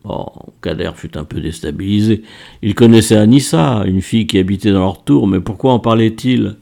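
A man reading a novel aloud as narrator, in an expressive, animated manner. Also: fairly low pitch, moderate pace, gravelly. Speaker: audiobook narrator.

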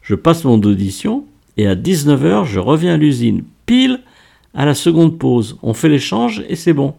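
A man's voice: a little high, sing-song, normal speed, vocal fry, darkish tone, pitched above the performer's own voice, heavily acted. A man voicing an anxious young factory worker who earnestly lays out a plan, within a read-aloud story. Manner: earnest, explaining plans in detail.

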